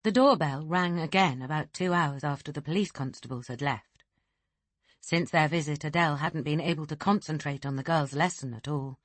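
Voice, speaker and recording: A woman narrating a thriller audiobook in a steady, unhurried way. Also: low voice, no echo. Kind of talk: scripted narration.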